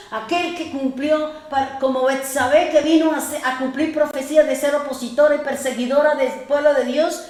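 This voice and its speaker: A woman pastor preaches in a high, bright voice, telling stories in a lively way and acting out the voices of people she quotes. Her words ring through an echoey church room. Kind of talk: sermon.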